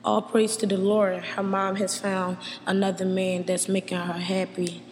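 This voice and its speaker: A woman narrating and interviewing in a documentary style, with an even, matter-of-fact delivery. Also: medium pitch, unhurried. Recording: long reverb with faint music.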